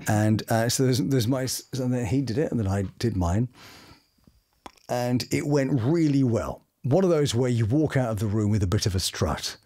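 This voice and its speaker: Speaking at a normal speed in a medium-pitched voice, a middle-aged British man recounts stories dramatically and expressively. He's a voice actor guest in a casual interview, recorded indoors in a small home studio.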